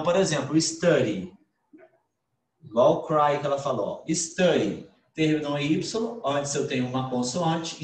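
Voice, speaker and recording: A man's voice: a little high, a little hiss or hum. A man, an English teacher, explaining grammar in an online class, asking questions and answering them himself. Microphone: computer mic on video call. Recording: roomy video call audio.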